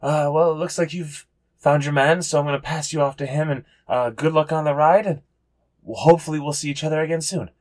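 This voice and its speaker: A man voicing a friendly male escort who speaks quickly and warmly. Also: fairly high pitch, fairly even intonation, voice pushed up, lightly acted. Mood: cheerful.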